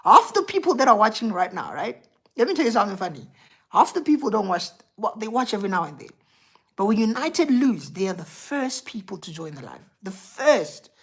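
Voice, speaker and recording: A woman's voice: medium pitch, very animated, fairly quick, husky. A woman hosting a football live stream, ranting heatedly and profanely about her team and replying to viewer chat. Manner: reads out viewer chat and replies. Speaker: football livestream host.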